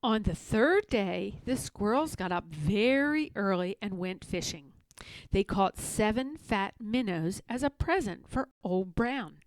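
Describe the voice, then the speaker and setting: A woman narrating a children's storybook aloud in an expressive, measured read-aloud manner. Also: mid-range voice, dry recording, low-quality recording. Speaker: storybook reader.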